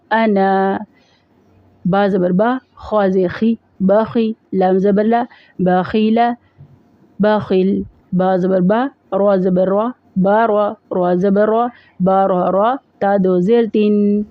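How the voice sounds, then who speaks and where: A woman with a Pakistani Urdu accent teaching Quran reading, spelling out syllables slowly and drilling them. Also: mid-range voice, no room sound. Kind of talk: spelling out and recitation drill lesson. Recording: dull, dry close recording.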